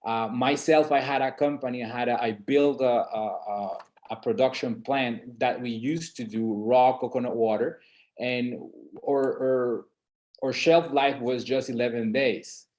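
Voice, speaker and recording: A middle-aged man from San Andres and Providence, Colombia, gives an informal webinar presentation, hesitant and full of fillers and restarts. His medium-pitched voice is a little mellow, with fairly even intonation and a measured pace.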